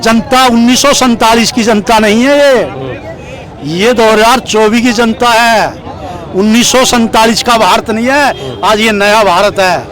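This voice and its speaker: A man's voice: high-pitched, measured pace, fairly bright tone. A man speaking as an impassioned political supporter, declaiming emphatically in verse-like phrases and repeating them for effect. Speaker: street interviewee, political supporter reciting poetic praise. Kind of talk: impassioned street political oratory with rhymed verses. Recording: street recording with crowd and traffic.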